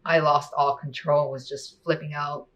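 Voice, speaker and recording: A woman sharing a personal faith testimony in a soft-spoken, reflective way, often saying "you know" and "like.". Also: low-pitched, little pitch movement, normal speed, poor audio.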